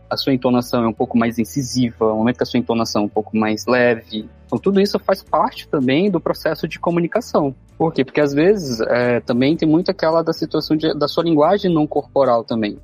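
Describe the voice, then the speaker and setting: A man's voice: fairly high pitch, a little mellow, slightly rough. A man in casual podcast chat, reflective, explaining with examples and rhetorical questions.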